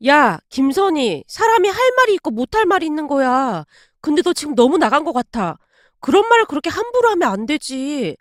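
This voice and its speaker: A woman's voice: sits high, big pitch swings, a little fast, no room sound, studio quality. A woman voicing a loyal young woman friend who speaks frankly and firmly. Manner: firm, scolding.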